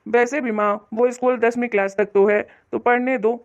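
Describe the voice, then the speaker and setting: A woman voicing a grown son in an animated cartoon, a mild shopkeeper who placates his mother. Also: on the high side, moderate pace, lightly acted. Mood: placating. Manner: placating, reasonable. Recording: dull lo-fi audio.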